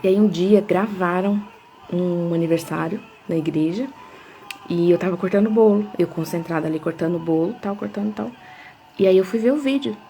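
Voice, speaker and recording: Woman chatting thru a devotional, kinda low voice, mellow, lots of little stories. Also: moderate pace, slight background noise. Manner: chatty, storytelling with fillers. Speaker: devotional host. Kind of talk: casual devotional talk.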